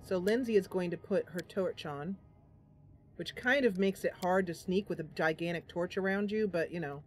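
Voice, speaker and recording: With game music in the background, she keeps up a moderate pace in a fairly low-pitched voice. It's relaxed, chatty game commentary from a host who role-plays in voice and muses aloud in a playful way.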